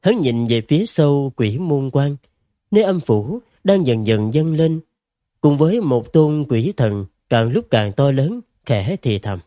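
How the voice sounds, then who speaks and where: A man narrating a fantasy story in an expressive, dramatic reading. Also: mid-range voice, a little slow, no echo, studio quality. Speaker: audiobook narrator.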